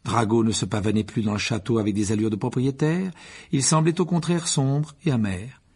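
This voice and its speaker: A man reading a novel aloud as an audiobook narrator, expressive and dramatic. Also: brisk, husky. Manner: expressive, shifts pitch widely for dramatic moments. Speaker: audiobook reader. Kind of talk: scripted narration.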